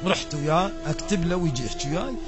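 A man preaching an emotional religious story, telling it dramatically and breaking into shouts and chanted lines. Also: a little high, very fast. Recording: music playing behind the voice.

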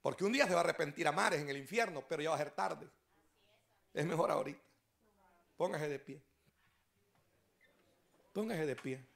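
Male pastor preaching, high raspy voice, bright and sharp, yells when it gets intense. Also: moderate pace, pauses often. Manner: storytelling preacher who rises to shouted exhortation. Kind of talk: evangelistic sermon. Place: church service.

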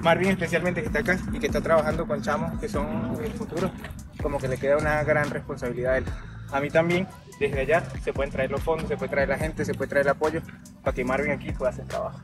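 A man's voice: fairly high pitch, fairly even intonation, fast talker, recorded from a distance. A man in his thirties with a Venezuelan accent, a professional runner talking in long, earnest runs at an outdoor stadium. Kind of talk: casual chat. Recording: voice from off the mic, music behind.

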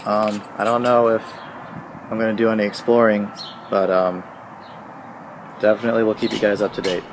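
A man's voice: on the low side, level tone, moderate pace. A young man narrating a casual travel vlog, easygoing and full of filler words. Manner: laid-back, lots of filler words. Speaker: vlogger.

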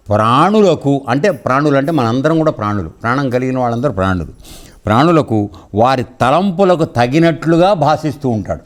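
A man with a medium-pitched voice delivers a spiritual discourse in a conversational, didactic manner. He often checks that his listeners are following along.

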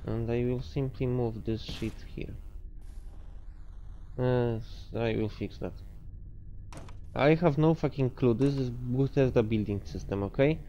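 A man in the mid range with a mellow voice provides casual commentary on his own gameplay, thinking out loud and cursing freely. The audio is dull and carries a slight hiss or hum.

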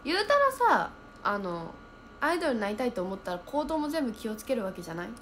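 A young woman chatting casually on a livestream, reading viewer comments aloud and thinking out loud as she reacts. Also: fairly high pitch, very animated, fast, a little hiss or hum.

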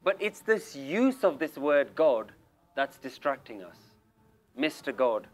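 A man's voice: mid-range voice, very animated, slow pace. A male spiritual teacher giving an emphatic, questioning talk to a group seated in a room. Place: room with a small audience.

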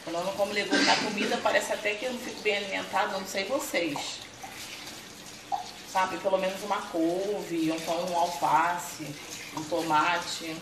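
A woman's voice: medium pitch, fairly even intonation, normal speed, noisy background. A Brazilian Portuguese-accented mother vlogging at home on a phone, chatting to viewers and cooing at her baby. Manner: chatty, keeps calling viewers "family", coos at her baby. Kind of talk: casual home vlog. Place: family home.

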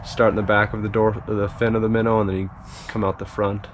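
A man's voice: on the low side, little pitch movement, quick pace. A young man in his twenties hosting a casual fishing vlog, talking upbeat and playful into a camera held at arm's length, first from a car and then inside an ice-fishing tent on a frozen lake. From North Dakota, USA. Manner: upbeat, playful, stutters words for fun. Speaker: fishing channel host. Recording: noisy outdoor camera audio.

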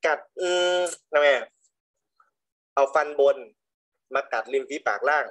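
A man teaching English to primary school children, slowly drilling words with big emphasis on each one. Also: mid-range voice, fairly bright tone. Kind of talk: online English lesson for children.

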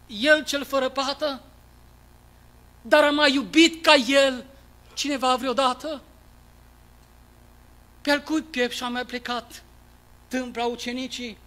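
Male reciter, high and ringing, dramatic devotional poetry, declamatory, wide swings in loudness. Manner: declamatory, swelling from hushed lines to loud cries.

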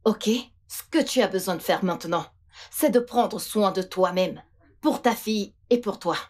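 An actress dubbing a calm friend who comforts and reassures a distressed woman. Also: mid-range voice, moderate pace, close to an everyday voice. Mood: soothing. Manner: soothing, reassuring. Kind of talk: dubbed film drama.

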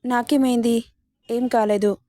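A woman voicing a teasing, possessive young man in a spoken romance story, in a playful, gently possessive manner. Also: fairly high pitch, steady tone, measured pace, no room sound, clean studio sound, lightly acted.

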